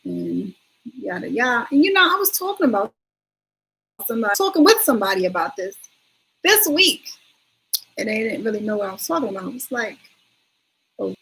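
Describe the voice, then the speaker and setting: A woman's voice: on the high side, very animated, a little fast, vocal fry, long pauses, a bit bright, rough recording. Chatty woman rambling on a livestream. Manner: rambling, chatty, addresses viewers directly. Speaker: livestream host. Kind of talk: casual livestream chat.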